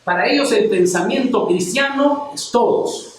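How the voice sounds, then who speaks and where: A man's voice: extremely high pitch, lively intonation, unhurried, a little hiss or hum. A man preaching a passionate sermon to a congregation, firing rhetorical questions at them as he speaks. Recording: very echoey church hall, mic at a distance.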